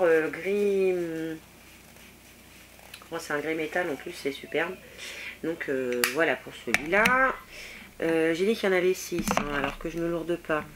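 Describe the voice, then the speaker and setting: Femme vloggeuse beauté, voix un peu grave, ton décontracté, plein d'hésitations, léger souffle de fond. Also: female voice, fairly low pitch, a little hiss or hum. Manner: chatty, many fillers, swatching products on her hand. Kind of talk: casual makeup haul review.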